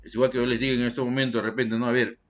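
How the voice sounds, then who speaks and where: A man teaching a secondary school language lesson in an online class, explaining slowly and checking in with his students by asking short questions. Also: mid-range voice, level tone. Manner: slow, deliberate explaining, tag questions to students.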